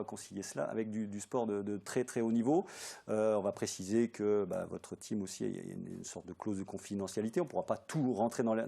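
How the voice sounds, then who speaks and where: Male TV interviewer, quick speech, gravelly, warm low tone. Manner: fast, leading questions with fillers. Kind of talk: local TV interview.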